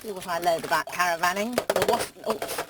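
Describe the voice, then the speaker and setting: A woman's voice: on the low side, fairly quick, heavy background noise. A woman presenting on location in a chatty, informal way.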